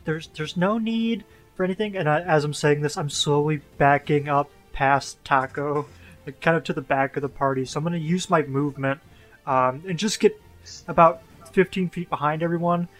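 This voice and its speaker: Halting male tabletop player over music. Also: a little high, a bit bright. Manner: halting, repeats words. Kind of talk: casual game chat.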